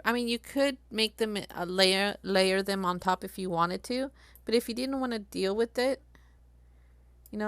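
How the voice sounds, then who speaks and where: A woman live-streaming a craft software tutorial, chatty and thinking aloud as she works. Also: mid-range voice, gravelly, dry recording.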